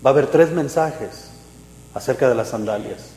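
A man, a pastor preaching a sermon, animated and swinging between loud and hushed. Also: mid-range voice, moderate pace. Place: church hall. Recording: echoey hall reverb.

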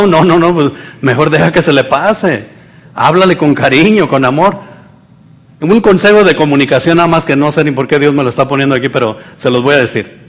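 A man preaching a sermon, swinging between loud emphasis and soft asides and acting out the people he quotes. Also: mid-range voice.

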